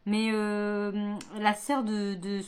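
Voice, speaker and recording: Book vlogger, woman, mid-range voice, rambling and halting, chatty home recording. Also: medium pitch, monotone, a little mellow, clean tone. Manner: hesitant, many fillers and restarts; chatty, thinking aloud. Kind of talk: casual chat.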